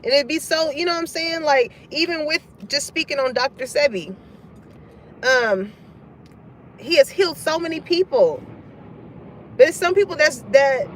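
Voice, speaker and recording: A woman's voice: sits high, animated, moderate pace, long pauses, a bit bright, a little hiss or hum. A woman giving a casual tarot reading to her collective audience, frank and profane, laughing often as she talks. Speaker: tarot card reader.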